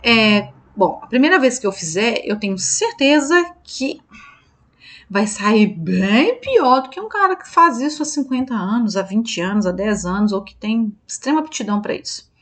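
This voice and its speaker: A woman's voice: on the high side, lively intonation, normal speed, fairly bright tone. Chatty Brazilian woman teacher. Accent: Brazilian Portuguese. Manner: chatty, checks in with listeners often; self-correcting, thinks aloud. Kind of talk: online lesson going over quiz answers.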